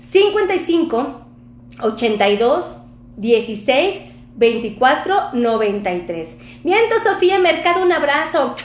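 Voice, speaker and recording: A Mexican woman doctor chats casually on a live stream, effusive and talkative as she reads viewer comments aloud in a Mexican Spanish accent. Her voice sits high and is very animated, though her pace is measured. The room is echoey, with a faint hiss or hum.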